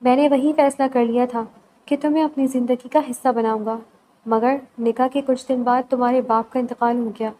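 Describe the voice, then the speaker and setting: An earnest young husband, soft-spoken and reassuring, pleading gently in a storybook romance, read by a woman in her own high voice. The delivery stays calm and even. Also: a little hiss or hum, natural voice, poor audio. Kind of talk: novel read aloud.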